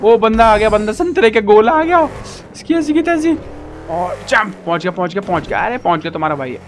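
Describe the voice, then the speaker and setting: An excitable man narrates his gameplay live, shouting at the screen and joking with viewers. His voice sits high and leaps up and down constantly. Car and game sounds run clearly behind him. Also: brisk, a little hiss or hum. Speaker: gaming YouTuber.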